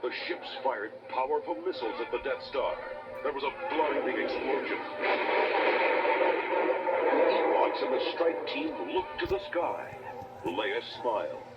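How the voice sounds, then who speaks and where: Heard through muffled, distorted toy cassette playback over loud dramatic music, a man tells a children's read-along adventure as scripted, dramatic storytelling. His mid-range voice is expressive and a little slow.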